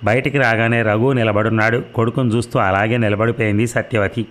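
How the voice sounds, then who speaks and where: Low-voiced man reading a novel aloud. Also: steady tone, a little fast. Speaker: narrator.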